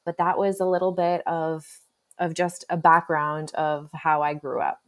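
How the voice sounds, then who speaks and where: A young woman in her twenties, originally from the Czech Republic, speaks with a notably low voice for a woman. She answers interview questions in an earnest, chatty flow, leaning on "you know" and "um" as she thinks aloud. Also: fairly even intonation, unhurried. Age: 20s. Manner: earnest, talkative, frequent "you know" and "um" fillers. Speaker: pharmacy resident guest.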